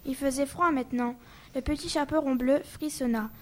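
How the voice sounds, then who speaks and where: A woman narrating a children's story aloud in a careful, even way on a class radio show. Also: high voice, normal speed.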